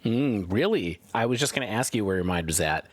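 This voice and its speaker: A man co-hosting a podcast, chatting casually in a thoughtful, measured way. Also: fairly low pitch, animated, dry recording, clean studio sound. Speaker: podcast co-host. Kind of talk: casual chat.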